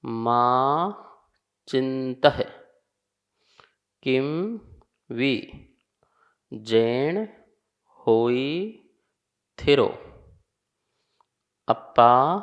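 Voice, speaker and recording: A Jain monk teaching a scripture class, chanting each verse slowly word by word and then explaining every term, often asking and answering his own questions. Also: medium pitch.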